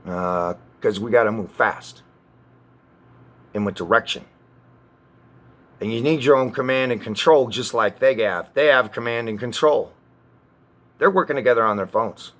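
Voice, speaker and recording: A man ranting to camera in an agitated, profane way, often halting and restarting. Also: mid-range voice, fairly bright tone. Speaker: vlogger.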